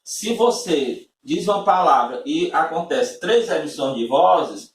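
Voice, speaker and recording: In a recorded classroom-style lesson, a man with a fairly high, expressive voice explains things patiently step by step, a little slowly, often checking in with listeners through tag questions. He is far from the mic in an echoey room, with a little hiss or hum.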